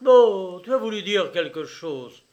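A man voicing a frightened, angry middle-aged land dealer who shouts loud and indignant at his son. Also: sits high, lively intonation, extremely slow, highs cut off, voice pushed up, heavily acted. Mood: blustering anger.

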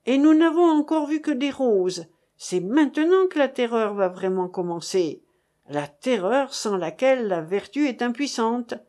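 A woman voicing a pompous old man, a revolutionary judge who blusters loudly, then drops to anxious whispers. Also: very high voice, very animated, a little slow, voice pushed up, heavily acted. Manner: bombastic, swinging between bluster and whispers.

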